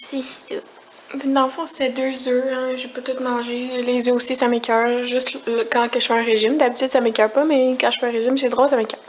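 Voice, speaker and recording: A woman's voice: a little high, slight background noise. A young woman with a Quebec French accent chatting casually in a home vlog, rambling and complaining with disgust. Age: young adult. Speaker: vlogger.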